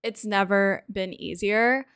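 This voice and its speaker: A woman in her twenties hosts a solo podcast in a casual, conversational style. She talks directly to listeners and moves between chatting and sponsor reads, at a middle pitch for a woman. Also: slow, a bit bright, clear, resonant tone. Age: 20s. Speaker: podcast host.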